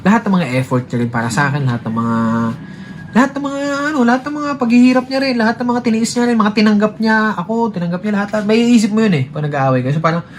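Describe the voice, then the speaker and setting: Fast-talking earnest man, Taglish chat. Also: sits high, lively intonation, slight background noise. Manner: earnest, mixes English into Tagalog, repeats phrases. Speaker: vlogger talking with his partner. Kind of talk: casual heart-to-heart chat.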